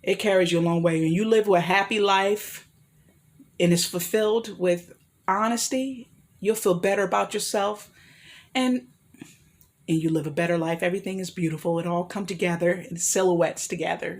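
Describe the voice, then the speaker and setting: A woman vlogger giving an earnest motivational talk, rambling with frequent restarts and apologies. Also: on the low side. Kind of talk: motivational personal talk to camera.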